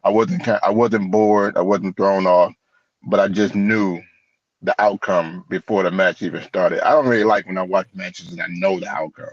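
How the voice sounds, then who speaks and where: A man's voice: low voice, steady tone, moderate pace, dry recording, lo-fi sound. A man co-hosting a casual wrestling podcast, speaking in a laid-back, hesitant way with many restarts. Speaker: podcast co-host.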